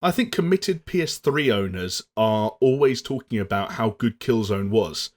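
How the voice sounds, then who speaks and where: A man's voice: on the low side, expressive, normal speed. A young adult man co-hosting a casual gaming chat, talking fluently and steering the conversation with easy segues. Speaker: podcast co-host.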